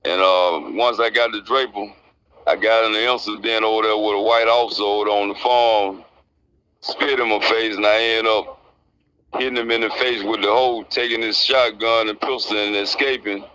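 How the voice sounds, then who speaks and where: A man's voice: lowish voice, fairly even intonation, moderate pace, bright, forceful tone, smooth, lo-fi sound. A man in his sixties with a Southern Alabama accent, answering interview questions in a plainspoken, colloquial way. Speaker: interviewee, prison inmate. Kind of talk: casual interview answers, recounting experience.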